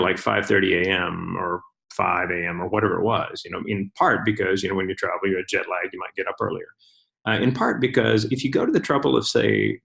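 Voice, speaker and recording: Low gravelly man musing while showing slides. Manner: rambling, many fillers and restarts, warm reflective asides. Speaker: past club president giving a talk. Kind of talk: casual presentation with slides.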